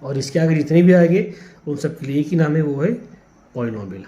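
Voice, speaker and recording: This Indian maths teacher's voice sits on the high side, brisk, warm, and expressive. He explains a classroom lesson on a board step by step, patient as he counts things out loud. The sound is slightly dull lo-fi with faint background noise.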